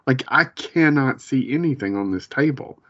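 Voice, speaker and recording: A man's voice: mid-range voice, expressive, normal speed, a bit bright. A man in casual chat, rambling and searching for words, swearing and laughing, with the hiccups. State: has the hiccups. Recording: dull, lo-fi sound.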